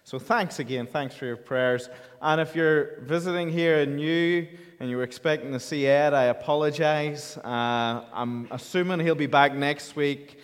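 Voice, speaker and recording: A man's voice: on the high side, a little slow, clean tone. A man with a Donegal accent, a pastor preaching an informal, conversational sermon in an echoey church hall. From County Donegal, Ireland. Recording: echoey hall with long reverb.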